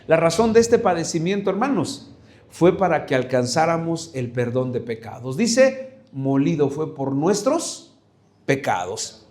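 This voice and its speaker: Earnest pastor preaching. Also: male voice, fairly high pitch, big pitch swings, unhurried, darkish tone. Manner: earnest, searching, with many restarts and rhetorical questions. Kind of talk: sermon.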